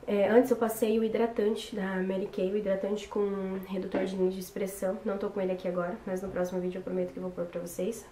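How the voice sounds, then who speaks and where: Casual tutorial host: young woman, voice hoarse from a cold, recorded in a roomy bedroom with faint noise. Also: medium pitch, level tone, fast talker, few pauses. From Brazil. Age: young adult. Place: small bedroom, indoors. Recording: roomy echo with background noise.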